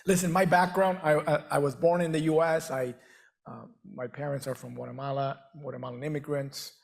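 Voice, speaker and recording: A middle-aged man from Venezuela, Spanish his first language, talks as a guest on a stage. His voice is deeply gravelly with plenty of fry, and he speaks earnestly, often repeating words as he restarts a thought. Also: little pitch movement, a little fast. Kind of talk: on-stage conversation.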